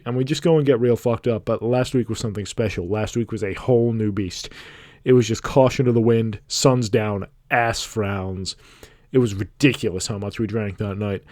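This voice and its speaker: A man telling a rambling, deadpan story in a comic monologue, with bursts of emphasis. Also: lowish voice, no echo, clean studio sound. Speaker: fan voice actor dubbing an animation.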